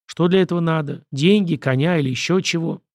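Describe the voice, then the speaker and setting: A man's voice: a little high, creaky, darkish tone, no room sound, studio quality. A man reading the part of a witty, easygoing young prince with a wry manner. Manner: wry, quick-witted.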